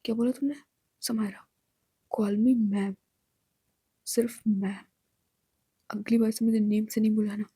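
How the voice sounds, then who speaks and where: Woman voicing a haughty lady boss, scolding and cold, in whispered role-play with a low, mellow tone. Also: fairly even intonation, brisk, husky, no echo, studio quality. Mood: commanding. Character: stern haughty young woman office boss.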